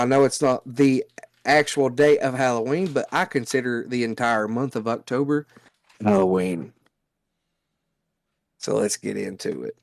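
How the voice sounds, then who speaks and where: A man's voice: medium pitch, no room sound. A man co-hosting a casual livestream, loose and profane in his talk, chatting with viewers and reading a spooky legend aloud. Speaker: livestream co-host.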